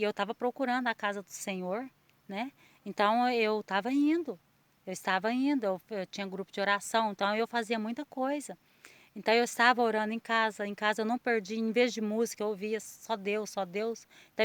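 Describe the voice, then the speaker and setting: A woman's voice: a little high, fairly bright tone, no room sound. A woman with a Brazilian Portuguese accent gives a personal religious testimony. She speaks earnestly and repeats herself, often checking that the listener understands. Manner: earnest, repetitive, keeps asking the listener if they understand.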